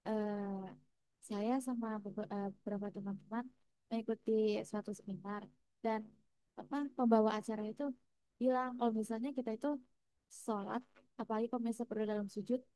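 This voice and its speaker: A woman's voice: on the high side, mellow. A woman asking a question during a live study session, hesitant and stumbling over her words. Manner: hesitant, with many fillers and restarts. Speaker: audience member asking a question.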